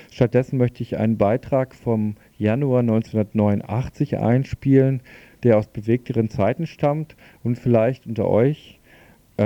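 A mid-pitched, mellow male radio host interviews and moderates in long sentences. The slightly dull lo-fi radio recording has no room sound.

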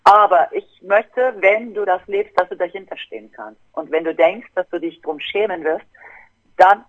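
A woman in her fifties, an interview guest, telling a story in a lively way and acting out her relatives' voices over a phone line. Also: mid-range voice, moderate pace, no room sound. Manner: animated, acts out family members' voices. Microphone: telephone. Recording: tinny dry phone line.

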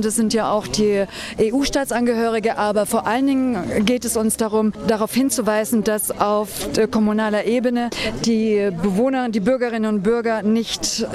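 A woman's voice: fairly high pitch, a little mellow. A woman campaign organizer giving a street interview outdoors, explaining earnestly with frequent hesitant fillers. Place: outdoors in front of a theater. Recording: busy outdoor street crowd. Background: crowd chatter.

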